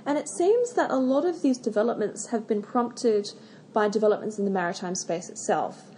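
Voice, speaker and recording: Female podcast host with a mellow voice, formal, measured delivery of prepared questions. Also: medium pitch, lively intonation, a little hiss or hum. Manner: measured and formal, with occasional ums.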